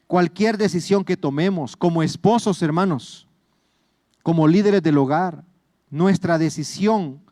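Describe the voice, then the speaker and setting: Salvadoran pastor preaching, high voice. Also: male voice, measured pace, warm tone, no room sound, clean studio sound. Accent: Salvadoran Spanish. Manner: earnest, repeats words and addresses listeners as brothers. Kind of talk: sermon.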